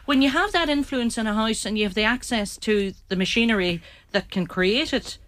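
A woman's voice: fairly high pitch, a little fast, a bit bright, slight background noise. An older woman with a north-west of Ireland Donegal accent, reminiscing in a chatty, discursive, conversational way. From East Donegal, Ireland. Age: 60s or older. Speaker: interview guest.

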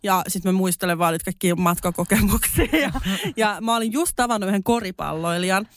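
Young Finnish woman, podcast co-host, casual storytelling, dry close mic, mid-pitched, voice leaps up when she's indignant. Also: no room sound. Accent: Finnish, mixing in English words. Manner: animated, voice jumps high when indignant.

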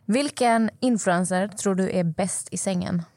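A woman's voice: medium pitch, a little mellow, no room sound, studio quality. A woman co-host in a casual chat, asking direct questions.

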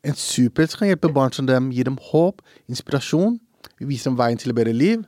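A young man recalls a story in an interview, earnest and reflective, pausing often on fillers. His voice sits in a middle register and is recorded close and dry, with no room sound. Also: medium pitch, a little mellow, no room sound. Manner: earnest, reflective, with frequent hesitations. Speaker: comic creator and interview guest.

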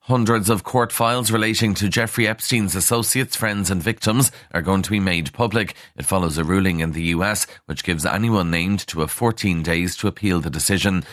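An Irish man reads a scripted news bulletin in a very low voice. The sound is dry and close, as in a radio studio. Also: fairly bright tone, no room sound. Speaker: news reader.

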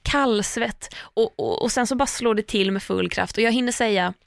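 Gravelly woman telling a story. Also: a little high, no room sound, studio quality. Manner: lively storyteller who swears casually, laughs often and acts out others' lines. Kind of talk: casual chat, telling a personal story.

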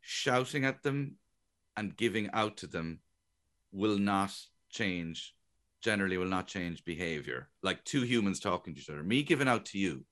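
A man's voice: sits low, normal speed. A middle-aged Irish man, a guest comedian, talking chattily and jokingly in a radio interview. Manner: chatty, animated, jokey storytelling.

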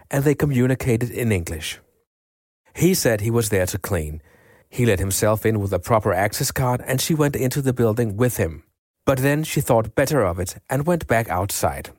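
A former homicide police chief, voiced by a male actor, recounts a case for a documentary. The man is measured and factual, with a medium-pitched voice. The sound is dry and free of room echo. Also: a little mellow, close to an everyday voice. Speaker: voice actor reading an expert's account. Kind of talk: scripted documentary voice-over.

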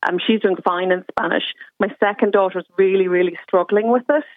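A mother calls into a radio phone-in show, her medium-pitched voice steady and brisk over a tinny, dry telephone line with no room sound. She explains her situation earnestly, with plenty of ums along the way.

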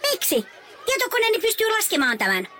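A woman's voice: extremely high pitch, huge pitch swings, sharp tone, slight background noise, exaggerated voice. A woman voicing a young boy genius who talks in a stiff, formal, bookish way, in a children's audio drama. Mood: earnest.

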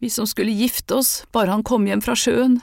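Grief-struck sobbing young woman in an audiobook, read by a woman, voice pitched up high. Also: steady tone, darkish tone, no room sound, clean studio sound. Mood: grief-stricken. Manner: sobbing, anguished. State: crying. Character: grieving young woman whose sweetheart drowned.

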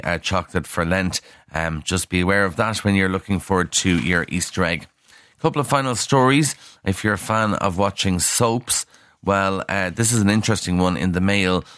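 An Irish man with a low, deep voice runs through the morning papers on radio. His tone is chatty and conversational, full of asides. The sound is dry and close, with no room echo. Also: a bit bright. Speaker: radio presenter. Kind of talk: chatty newspaper review.

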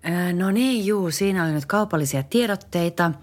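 A woman's voice: fairly low pitch, lively intonation. A woman co-hosting a comedy podcast, talking in a theatrical, mock-formal way. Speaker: podcast co-host.

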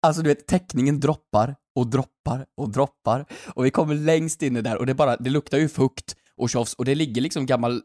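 A young man, a podcast co-host telling a lively story in casual chat and swearing freely. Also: medium pitch, no echo, clean studio sound.

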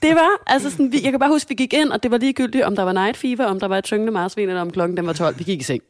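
A woman's voice: mid-range voice, no room sound, clean studio sound. A woman telling a childhood story in a casual chat, acting out what people said with changing voices. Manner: animated, acts out quotes with shifting voices.

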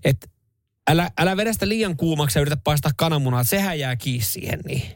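A man's voice: on the high side, animated, no room sound, studio quality. A man co-hosting a radio morning show, teasing and quizzing his co-host in casual banter. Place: radio studio. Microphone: studio microphone.

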